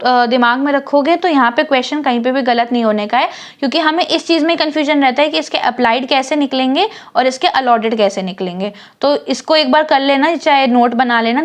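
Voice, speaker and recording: High-voiced Indian woman teaching commerce. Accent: Hindi-speaking North Indian. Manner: explains step by step with frequent checks like "theek hai"; acts out short scolding asides to shareholders. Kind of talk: classroom lesson.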